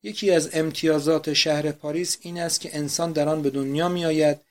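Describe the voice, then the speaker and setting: Man playing a blustering middle-aged schoolmaster, loud, scornful, declaiming, raised fairly high voice, audiobook. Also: fairly even intonation, close to an everyday voice.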